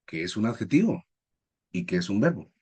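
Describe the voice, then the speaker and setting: A man's voice: on the low side, sing-song, moderate pace, a little mellow, breathy edge. A man teaching a spelling lesson, explaining patiently and asking his class questions.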